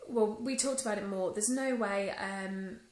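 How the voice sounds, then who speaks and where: A woman's voice: medium pitch, a little slow, a little mellow. A woman records a casual vlog on a phone held at arm's length, chatting through her review with plenty of ums and small restarts. Her voice sits in a middle range, and the room around her is noticeably echoey. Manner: chatty, many ums, mildly disappointed.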